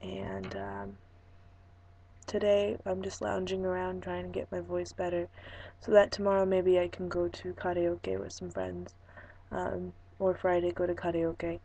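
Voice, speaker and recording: A young woman chatting in an unscripted casual vlog on a webcam, halting and relaxed, her sore voice hoarse, breaking and giving out. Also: on the low side, rough recording. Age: young adult. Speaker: vlogger. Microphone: webcam microphone.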